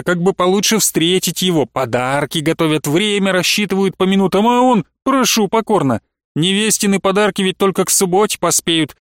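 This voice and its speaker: A man voicing a boisterous, jolly young merchant who teases his friend in a loud, hearty way. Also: high-pitched, no echo, studio quality, close to an everyday voice.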